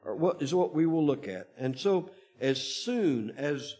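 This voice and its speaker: Slow, halting male preacher. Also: fairly high pitch, big pitch swings, dark tone. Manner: slow, halting delivery with many restarts. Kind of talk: sermon-style Bible teaching.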